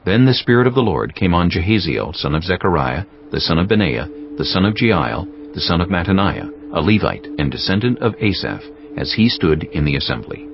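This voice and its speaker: A man reading scripture as an audiobook narrator in a solemn, measured, scripted style. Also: sits low, very animated, gravelly, dull audio, soft background music.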